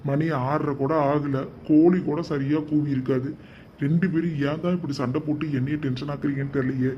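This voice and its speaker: A man's voice: fairly high pitch, fairly even intonation, a little fast, lo-fi sound, slight background noise, lightly acted. A man voicing a harried young husband in a cartoon, pleading with his quarrelling mother and wife. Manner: pleading, placating, soothing. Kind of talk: cartoon comedy voice acting.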